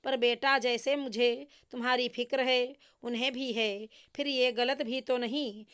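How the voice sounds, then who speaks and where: A woman voicing a firm, caring middle-aged mother who reasons calmly. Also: fairly high pitch, measured pace, clean tone.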